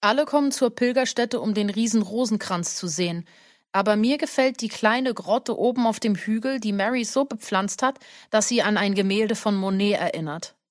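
A woman giving a measured first-person audiobook narration. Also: medium pitch, no room sound, clean studio sound.

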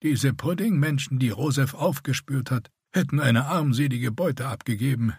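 A man's voice: mid-range voice, normal speed, darkish tone, slightly rough, no room sound, clean studio sound, pitched above the performer's own voice. A man voicing a tall, older male warrior who grumbles and speaks dismissively. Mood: haughty.

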